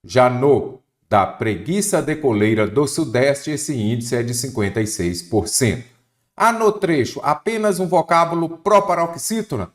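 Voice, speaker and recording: A man's voice: medium pitch, expressive, unhurried. A man from Minas Gerais with a Brazilian Portuguese accent, teaching an online exam-prep grammar lesson and asking and answering his own questions.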